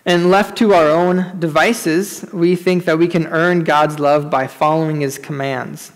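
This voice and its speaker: A man preaching as pastor at a pulpit microphone in a church service, measured and repeating key phrases, with a halting, filler-laden prayer. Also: a little high, steady tone, long reverb tail. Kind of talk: sermon and prayer in a worship service. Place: church sanctuary during a service.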